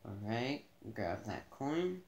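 A man giving a casual gameplay tutorial, relaxed and thinking aloud as he plays in a dim room, filmed by a camera pointed at the TV. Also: medium pitch, slow, vocal fry, reverberant. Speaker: gaming channel host.

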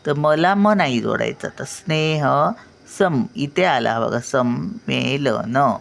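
Older woman, patient teacher, gravelly and unhurried, stretches out syllables to demonstrate sounds. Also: low-pitched, expressive. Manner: slowly drawing out syllables to show pronunciation. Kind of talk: spelling and pronunciation lesson.

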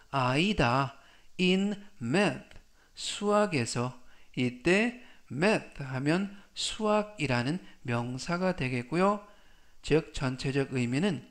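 Slow, deliberate vocabulary teacher. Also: male voice, on the high side. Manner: slow, deliberate, repeats each word three times. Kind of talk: scripted vocabulary lesson.

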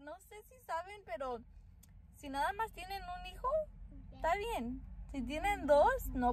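Chatty young woman vlogging on her phone. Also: a little high. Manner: chatty, mixes English and Spanish, laughs often, many "like" fillers. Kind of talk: casual vlog talk to camera. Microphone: phone held at arm's length.

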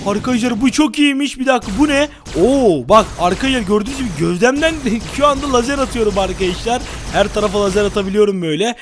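A man playing Minecraft on camera and narrating a role-play, loud and frantic, repeating words in bursts. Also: high-pitched, quick pace, hardly any pauses, over music. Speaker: gaming YouTuber.

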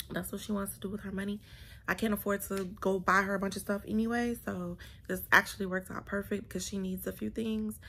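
In a small bedroom at home, a woman vlogger chats casually to her camera, a phone held close or propped at arm's length. Her mid-range voice is gravelly with morning roughness, and she laughs a lot and addresses viewers as "y'all."

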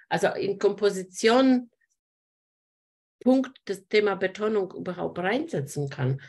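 Woman, art teacher, live online lesson, unhurried, points out details to viewers. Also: mid-range voice. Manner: explains slowly while pointing at pictures, addresses viewers directly. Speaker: art teacher hosting a webinar.

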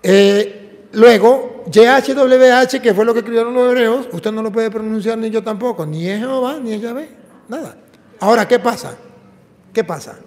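Speaking at a moderate pace, a bright, high-voiced priest delivers preaching and apologetics dialogue. He presses every point through emphatic explanation and rhetorical questions, while the church lends a long echo to each phrase.

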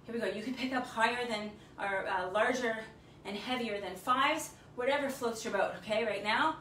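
A woman's voice: fairly high pitch, normal speed, bright, forceful tone. A woman working as an aerobics instructor, counting reps in rhythm and cueing moves with short, encouraging commands. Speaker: fitness instructor leading a workout. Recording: roomy, distant mic with faint noise.

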